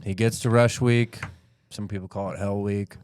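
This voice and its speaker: A man's voice: lowish voice, steady tone, normal speed, a little mellow, a little hiss or hum. A man co-hosting a comedy podcast, riffing goofily and laughing often. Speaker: podcast co-host. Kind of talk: casual comedy chat.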